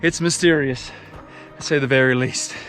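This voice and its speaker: A man's voice: medium pitch, steady tone, normal speed, a bit bright, faint music behind. A man eagerly exploring a castle ruin outdoors, talking to his camera, slightly out of breath and wondering aloud at what he finds. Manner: eager, wondering aloud, keeps saying look. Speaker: adventure vlogger. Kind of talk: excited exploration vlog.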